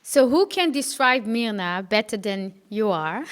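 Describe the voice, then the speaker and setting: An Israeli woman hosting a talk show chats eagerly with her guest, often restarting sentences and using plenty of fillers. Her mid-range voice is a bit bright with lively intonation, and she speaks a little slowly, in a casual interview style.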